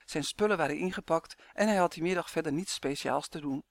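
A man narrating a storybook in a clear, even storytelling manner. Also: fairly high pitch, fairly quick, no echo. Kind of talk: storybook reading.

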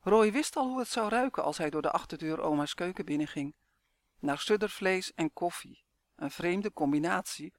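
A man narrates a storybook clearly and evenly, with a slightly high voice for his sex. The sound is dry and close, with no room echo. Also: normal speed. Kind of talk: storybook reading.

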